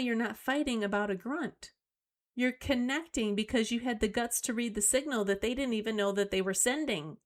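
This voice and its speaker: A middle-aged woman hosting a solo talk on emotional skills, coaching listeners in a slow, deliberate way. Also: medium pitch. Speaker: host.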